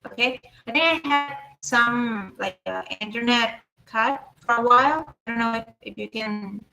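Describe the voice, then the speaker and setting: Woman, online language teacher, slow careful explaining, computer mic, echoey room. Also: a little high, vocal fry, music in the background. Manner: explains slowly with many fillers and restarts. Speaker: Spanish teacher. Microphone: computer microphone.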